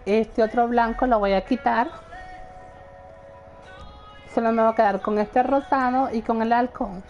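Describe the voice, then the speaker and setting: A woman's voice: fairly high pitch, fairly even intonation, a little slow, dull audio. Chatty young woman livestreaming a game. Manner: chatty, laughs often, reads out chat greetings. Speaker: gaming livestreamer. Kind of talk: casual live gameplay chat. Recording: faint game music behind.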